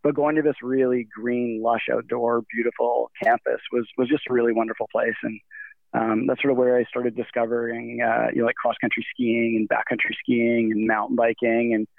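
Over a tinny, phone-like line with no room sound, a man from Nigeria is interviewed as a guest, speaking at normal speed in a medium-pitched, flat voice with vocal fry. His casual talk wanders, full of fillers and restarts.

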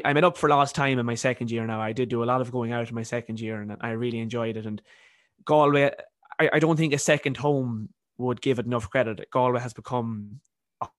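A man in his early twenties with a softened Cavan Irish accent, speaking reflectively in an interview and repeating words as he thinks. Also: mid-range voice, no echo, studio quality. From County Cavan, Ireland. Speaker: podcast guest, university student.

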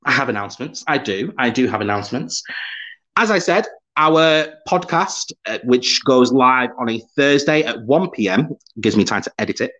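A man's voice: mid-range voice, animated, normal speed, a bit bright. A man from the UK hosting a live-streamed podcast, chatting upbeat and laughing often as he reads out viewer comments. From United Kingdom. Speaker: podcast host. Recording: slightly dull lo-fi sound.

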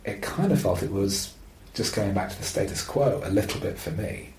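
This podcast host is a deep-voiced man discussing a film at normal speed, casual and animated, wandering off track and leaning heavily on fillers. Poor audio and an echoey room mark the clip.

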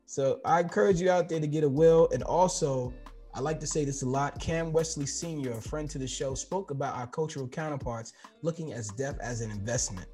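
Male host, casual interview talk, animated, faint background music. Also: fairly quick. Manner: animated storyteller, voice rising high when laughing. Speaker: podcast host.

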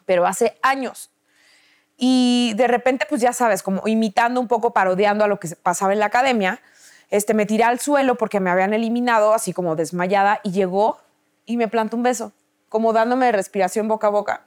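A woman in her thirties with a Mexican accent, a guest telling a story in a dramatic, animated way in casual chat. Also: mid-range voice, brisk.

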